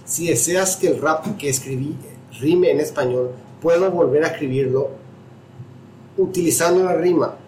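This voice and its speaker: A man with a slightly raised pitch talks loosely, stopping and restarting his sentences as he explains. His voice bounces around an echoey room, and faint noise sits underneath it. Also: normal speed, a little mellow. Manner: rambling, many restarts and fillers. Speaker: host demonstrating a chatbot. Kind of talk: casual chat.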